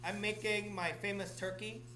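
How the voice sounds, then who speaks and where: A middle-aged Vietnamese man, a real estate office manager or broker, delivers announcements at an office meeting, repeating himself and frequently checking in with "okay?". His voice is high-pitched, pushed and bright, with flat delivery at a moderate pace. There's slight background noise.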